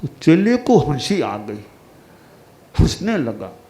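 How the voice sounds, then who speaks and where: Brief: male preacher, slow, measured, fairly high voice, telling a parable in a sermon. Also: very animated, mellow. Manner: unhurried, storytelling with acted dialogue. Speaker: spiritual teacher.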